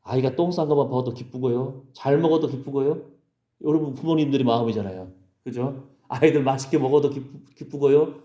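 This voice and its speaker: A man's voice: mid-range voice, a little fast, warm tone, dull audio. Conversational male pastor in an echoey church. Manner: conversational preaching, prompting the congregation with "예?". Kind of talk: sermon. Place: church sanctuary.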